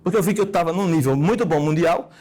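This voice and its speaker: A man lectures on orthodontics, his voice pitched high for a man. He talks quickly and in a slangy, joking, brash way, leaning hard on his points. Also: a little mellow. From Recife, Brazil. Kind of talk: casual lecture with anecdotes.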